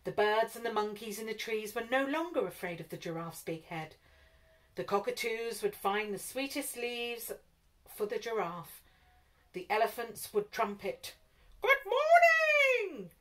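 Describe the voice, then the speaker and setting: A woman storyteller reading a children's picture book aloud in an expressive, lively way. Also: mid-range voice, normal speed.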